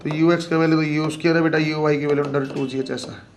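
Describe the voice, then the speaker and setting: Male physics teacher with a high-pitched voice, lecturing a class, fond terms for students, poses his own questions. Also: flat delivery, fast, slight background noise. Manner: addresses students as beta and bachhon, asks and answers his own questions.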